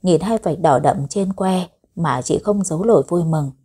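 Soft-toned, husky woman narrating a story. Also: lowish voice, moderate pace. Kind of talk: scripted audio story narration.

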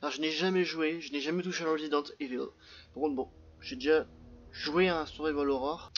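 A man giving casual let's-play commentary, chatty and jumpy, reacting out loud and swearing often. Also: a little high, fairly even intonation, brisk. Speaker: gaming video host. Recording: dull lo-fi sound with faint noise.

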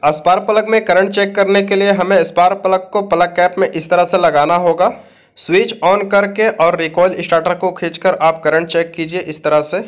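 Male repair host, high voice, plain step-by-step tutorial talk. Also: steady tone, normal speed. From India. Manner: plain instructive talk, addresses viewers directly.

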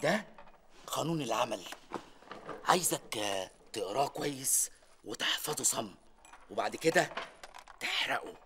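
A man with an Egyptian Arabic accent, playing a scheming, boastful boss who swings from loud to hushed. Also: medium pitch, expressive, moderate pace, pauses often, background noise, close to an everyday voice.

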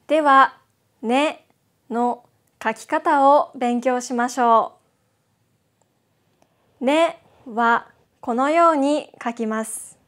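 A woman teaching a scripted beginner language lesson, drilling single syllables with slow, careful enunciation. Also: high voice, fairly bright tone.

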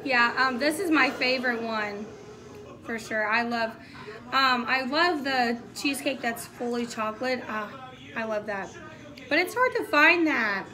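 A young woman with a high voice chats casually while chewing, her words muffled by a full mouth. She talks to her viewers in an easy, chatty way. Crowd chatter murmurs behind her. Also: unhurried. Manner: chatty, addresses viewers as y'all. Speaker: food vlogger. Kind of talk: casual taste-test chat.

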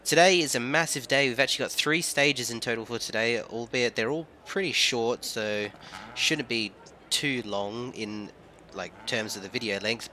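A young man from England with a husky, nasal voice from a cold chats his way through a rally game. His pitch sits in the middle, and faint game sound hums beneath him. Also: slight background noise. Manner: chatty, bursts into loud exclamations. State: has a cold. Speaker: gaming video host. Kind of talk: casual gameplay commentary.

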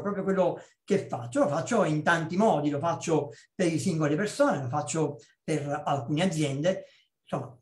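A man in his fifties from Naples, a public speaking trainer giving a chatty webinar talk with personal stories, often checking in with a quick "ok?". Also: fairly high pitch, roomy sound. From Naples, Italy. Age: 50s. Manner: lively, conversational, checks in with "ok?" and tosses in blunt asides. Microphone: video call.

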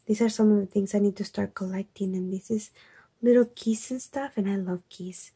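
A woman quietly gushing as she unboxes craft supplies in a late-night video, keeping her voice hushed with bursts of excitement. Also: medium pitch, fairly quick, husky. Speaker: craft vlogger. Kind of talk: soft-spoken unboxing chat. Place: home at night.

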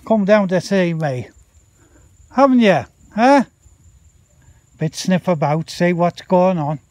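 A man's voice: high voice, measured pace, a little mellow, no room sound. A man talking casually in a home vlog outdoors by a pool, chatting to the camera and calling out to his dogs. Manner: chatty, swears mildly, calls out to dogs. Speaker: vlogger.

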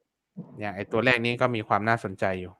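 A man's voice: lowish voice, fairly even intonation, brisk, sharp tone, a little hiss or hum. A man teaching online selling in a casual live-stream lesson, chatty and repetitive, full of fillers and polite particles. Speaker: online seller teaching keyword research.

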